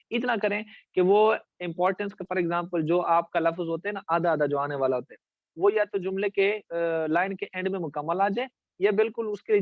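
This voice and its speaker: A man with a Pakistani Urdu accent gives a classroom lecture in a high voice, and the sound is dry and close. He often stops to ask his students whether they follow, and he draws words out slowly to show their syllables. The recording is a little dull and muffled. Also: dry recording. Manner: addresses students directly, checks understanding. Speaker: teacher. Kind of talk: classroom lecture on essay writing.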